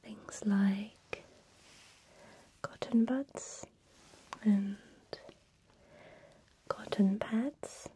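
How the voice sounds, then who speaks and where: A woman speaking in a soft, breathy whisper, giving a calm ASMR tutorial as a spa technician. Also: medium pitch, slow pace, pauses often, slight background noise, low-quality recording.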